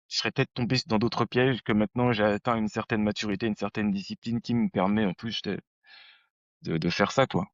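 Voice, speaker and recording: A man's voice: medium pitch, dry recording, muffled recording. A man in his thirties hosting a podcast, chatting casually in a slangy, rambling storytelling way. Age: 30s. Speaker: podcast host. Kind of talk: casual conversation.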